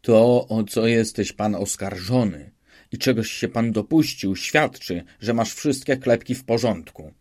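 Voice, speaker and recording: A man's voice: fairly low pitch, unhurried, a little mellow. A man voicing a cruel, bullying police officer who barks his questions in an audiobook. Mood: harsh. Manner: harsh, barking, interrogating. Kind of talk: audiobook reading.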